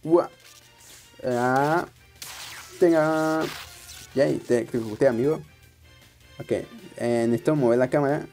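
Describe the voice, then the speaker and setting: A young man narrates a video game in a loose, rambling way, talking straight to his viewers. He mocks himself as he plays. His voice sits at an ordinary middle pitch, and soft music plays behind it. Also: slow pace, pauses often. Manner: rambling, self-mocking, chats to viewers. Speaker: let's play gamer. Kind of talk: casual gameplay commentary.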